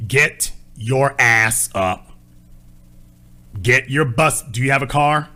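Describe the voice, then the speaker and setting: A man's voice: medium pitch, takes it slowly, sharp tone. A man hosting a call-in advice show, who lectures a caller in a blunt, scolding and crude way. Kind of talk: call-in relationship advice talk.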